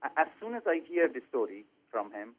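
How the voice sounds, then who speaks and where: Halting Iranian-born man on a phone line. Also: mid-range voice, big pitch swings, husky. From Iran. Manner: halting, many fillers and restarts. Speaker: film director. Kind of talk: interview over the phone.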